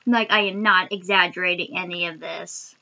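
A woman's voice: fairly low pitch, fairly even intonation, moderate pace, gravelly, pushed and bright, muffled recording. A young adult woman chatting casually to camera as a vlogger while eating sour candy, recorded on a webcam in a home room. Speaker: vlogger doing a candy taste challenge. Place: small home room, indoors. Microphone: webcam at arm's length.

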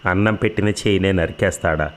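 A middle-aged man reading a dramatic novel as scripted narration, with a steady, measured delivery. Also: low voice, slight background noise.

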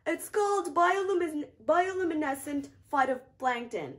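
A woman's voice: sits high, expressive, a little slow, pitched above the performer's own voice. A woman voicing a proud whale in a storybook, speaking in a grand, showy way.

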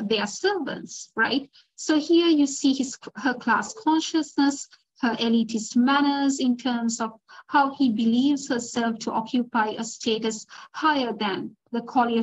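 Woman lecturer reading from a novel, measured, fairly high pitch. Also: low-quality recording. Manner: measured, checks in with "right?". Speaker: literature lecturer. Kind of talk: literature lecture with read-aloud passages.

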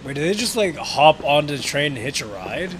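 The voice is a little high and very animated, fairly quick, with a slight hiss or hum in the audio. It belongs to a weary young man hosting a casual late-night let's-play on his gaming channel, laughing, swearing and talking back at the game over loud game music.

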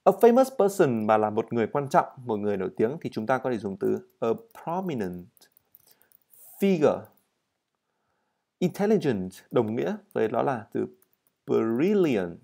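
Man, english teacher, drills words slowly, explains fast. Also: mid-range voice, sing-song, vocal fry, warm tone. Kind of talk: vocabulary and pronunciation lesson.

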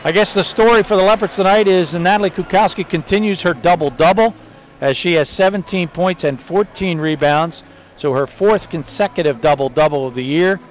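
A man hosting a postgame basketball broadcast, reading off final numbers in a brisk stat-reading delivery. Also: high-pitched, slight background noise. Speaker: play-by-play broadcaster. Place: basketball arena broadcast booth.

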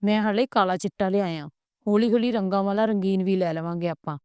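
Lady reading as a grumpy stingy son, curt, smooth dry voice. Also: mid-range voice, fairly quick, warm tone, dry recording, lightly acted. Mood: boastful. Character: gruff grown son, stingy and short-tempered.

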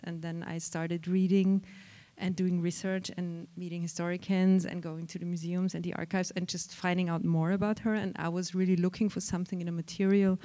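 A middle-aged woman talks into a handheld mic on a big theater stage. Her voice sits a little low and sounds mellow and warm. She speaks thoughtfully, pausing often with fillers. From Austria. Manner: thoughtful, reflective, many pauses and fillers. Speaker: film director. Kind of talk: festival panel talk.

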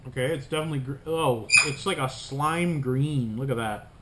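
A man in his thirties reviewing sour candy as he eats it, talking casually with hesitant pauses in a small room at home. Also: mid-range voice. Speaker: candy reviewer, video host. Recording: room noise, home camera recording.

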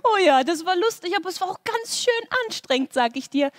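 A woman presents a kids' church hour, telling a story with bouncy sound effects. Her voice is very high and swoops widely, and her pace is slow and deliberate. The recording is dry and close. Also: lively intonation, a bit bright, no echo. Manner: playful, full of sound effects. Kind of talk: animated children's story with movements.

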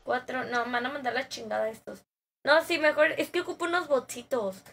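High-voiced Mexican woman gaming streamer. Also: fairly quick, a bit bright, a little hiss or hum. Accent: Mexican Spanish. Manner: playful, slangy, laughing asides. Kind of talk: casual gaming stream chat.

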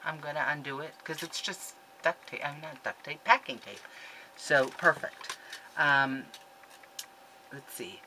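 Recorded roughly on a desk webcam with slight background noise, a woman in her fifties speaks a little slowly in a low voice that sounds pushed and bright. She's a scrapbooking vlogger rambling enthusiastically about craft supplies in a casual haul video from her home craft room.

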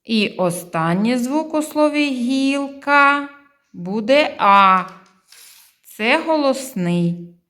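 A woman's voice: mid-range voice, a bit bright, reverberant. A woman teacher giving a phonics lesson to young children, sounding out each syllable and sound with care.

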